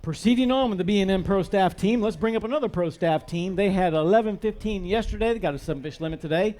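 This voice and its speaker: A man's voice: high voice, quick pace, a little mellow. A man announcing a live fishing tournament weigh-in outdoors on a headset mic, upbeat and joking with the anglers. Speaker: tournament emcee. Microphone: headset microphone.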